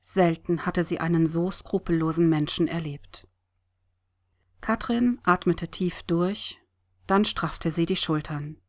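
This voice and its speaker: Low-voiced woman audiobook narrator. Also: takes it slowly.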